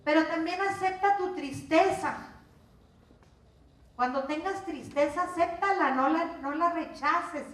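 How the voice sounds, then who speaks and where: An older Mexican woman leads a workshop class in a high, light voice, talking casually and asking her listeners questions. She sounds set back from the microphone in a roomy lecture space with a noticeable echo. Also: unhurried, fairly bright tone, recorded from a distance. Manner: conversational, asks the audience questions. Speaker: course instructor.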